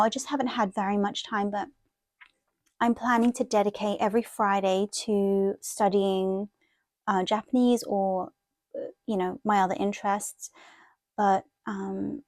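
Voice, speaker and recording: Speaking at medium pitch with a slightly mellow quality, a planner and journaling vlogger talks viewers through an informal show-and-tell in a loose, chatty way. She is half Thai, half Italian, with Thai as her first language. The recording is dry.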